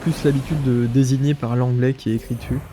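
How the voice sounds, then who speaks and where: A man's voice: medium pitch, steady tone, fast, dark tone, slight background noise. A man with a stuffy nose, thinking aloud with many fillers as he comments on his gameplay. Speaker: gaming streamer.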